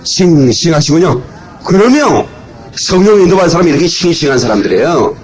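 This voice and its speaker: A male pastor delivers a lively, funny sermon in a packed church sanctuary, his voice on the high side and quick, shouting the punchlines and tossing in playful asides. The congregation laughs and responds throughout. It was captured live on an old cassette tape, so the audio is poor.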